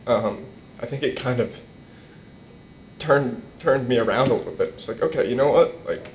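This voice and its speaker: At a memorial in an indoor hall, a young adult man speaks into a microphone on a boom stand, giving an informal eulogy for his relative as the deceased's nephew. Overcome with emotion, he halts, repeats words and strains to stay composed. Faint rumbling and a roomy echo come through in the recording.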